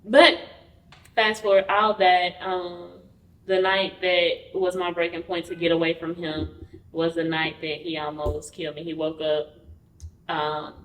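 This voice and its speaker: A woman's voice: on the low side, little pitch movement, measured pace, a bit bright, a little hiss or hum. A woman guest on a podcast telling her personal story frankly, acting out the voices of the people in it. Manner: frank, acts out quoted dialogue while recounting. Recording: roomy, distant mic.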